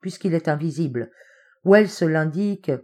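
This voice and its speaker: A man's voice: fairly high pitch, a little slow, a little mellow, close to an everyday voice. A woman reading a small, plump chemist who speaks in a curt, resolute and peremptory way. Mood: retorting. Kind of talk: audiobook character reading.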